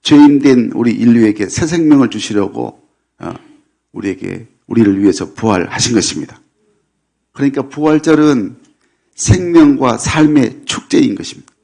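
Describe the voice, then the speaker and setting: Unhurried middle-aged male pastor. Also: mid-range voice, expressive, gravelly, mellow. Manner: unhurried, with frequent filler "yes" and light humor. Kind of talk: sermon. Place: church sanctuary.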